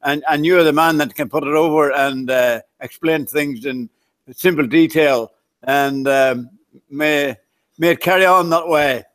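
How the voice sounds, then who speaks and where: A man's voice: a little high, measured pace, a bit bright, no room sound. A man with a Northern English accent, a guest chatting at length and apologizing for going on. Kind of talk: casual chat.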